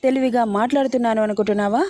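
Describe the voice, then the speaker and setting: A curt young husband snaps and scolds in short, sharp lines, as a woman narrator reads him in her own mellow voice. It is a romance storybook reading, close and dry. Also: fairly high pitch, steady tone, very fast, no room sound, lightly acted. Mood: angry.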